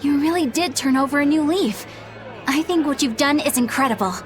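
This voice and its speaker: An actress playing a gentle, polite young female traveller in a video game. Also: high-pitched, a little fast, music in the background, lightly acted. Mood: kind, encouraging.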